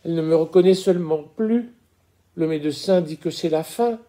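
A man's voice: fairly high pitch, normal speed, warm tone, pitched above the performer's own voice, natural voice. A man reading an audiobook, voicing a young maid who stammers through tears. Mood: tearful. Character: young maid, tearful and whimpering.

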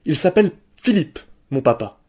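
A little boy without a father, crying and pleading in a high, strained voice, voiced by a man reading the story aloud. He speaks up loudly through his tears. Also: fairly quick, natural voice. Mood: defiant.

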